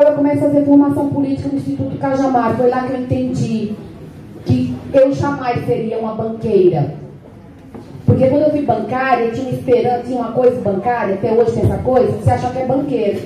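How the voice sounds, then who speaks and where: A woman in her sixties speaks candidly and with feeling, her voice set high. She is picked up from a distance in a strongly echoing hall, with clear noise behind her. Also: fairly even intonation, fast. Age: 60s. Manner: emotional, candid, tearful at times. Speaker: union founder speaking at a meeting. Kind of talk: emotional personal testimony. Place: meeting hall. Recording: echoey hall, voice from far off, noisy.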